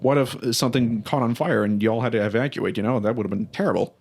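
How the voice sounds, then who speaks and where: A man's voice: medium pitch, quick pace, a little mellow, husky. Rambling young man telling a story. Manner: rambling, self-deprecating, many restarts. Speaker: podcast host. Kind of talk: casual storytelling chat.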